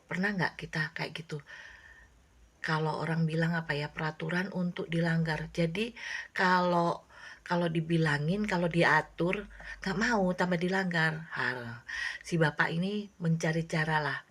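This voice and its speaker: A woman giving a casual devotional talk, telling a story in a chatty, animated way. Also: deep voice, unhurried, breathy edge. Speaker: online devotional speaker.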